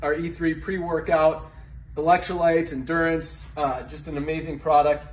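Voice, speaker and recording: A man with a slightly high voice talks at normal speed in a flat manner, giving a casual promotional tour of his company as its owner. His style is informal and salesy, recorded with a distant mic in an echoey, noisy indoor warehouse.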